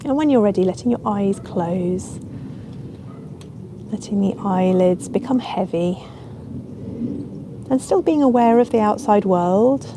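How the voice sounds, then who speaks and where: In a mid-range voice, a woman leads a guided yoga nidra relaxation in a calm, slow, soothing manner. The background is noisy, with ambient sound around her.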